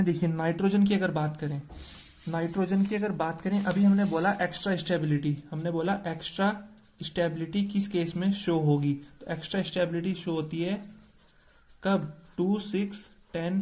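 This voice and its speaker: A man's voice: fairly high pitch, darkish tone. A man teaching a chemistry lesson, asking questions and answering them himself.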